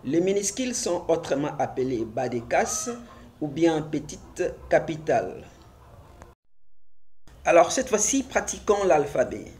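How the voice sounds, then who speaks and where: Man, literacy teacher, slow deliberate delivery, spells out letters one by one. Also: fairly high pitch, big pitch swings, darkish tone. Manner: spells letters and syllables aloud one by one, repeating for learners.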